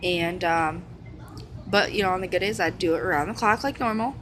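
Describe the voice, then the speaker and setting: A woman's voice: fairly low pitch, brisk, background noise. A young woman in her twenties talking candidly and casually about her life, rambling with fillers and restarts. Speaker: vlogger sharing her illness. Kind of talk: casual personal talk to camera.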